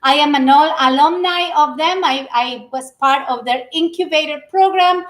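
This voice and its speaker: High-pitched lady from ecuador giving a business talk on a livestream, lively, echoey room. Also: normal speed. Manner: energetic, warm greetings to the audience, spoken with restarts. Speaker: public speaker.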